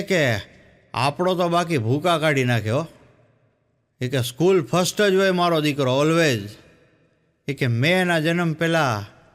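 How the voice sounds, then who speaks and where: A man, a stand-up comedian telling jokes as stories on stage and acting out the people he quotes. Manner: storytelling, acts out quoted speakers in lowered voice.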